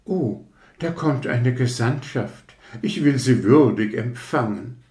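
A man's voice: mid-range voice, animated, slow, a little mellow, voice pushed up. A man voicing a haughty, self-important firework rocket in a storybook, with a pompous, affected manner. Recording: roomy echo.

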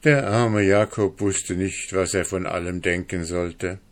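A man reading a fairy tale aloud in a slow, measured and calm narration. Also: low-pitched. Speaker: storyteller.

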